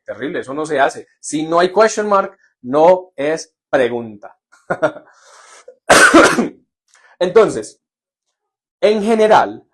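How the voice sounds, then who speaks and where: A man with a fairly high voice teaches a live class. He keeps it light and joking and keeps checking that everyone is following. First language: Spanish. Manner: lively, jokey, asks "¿listo?" often. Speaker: English teacher. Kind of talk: live online lesson.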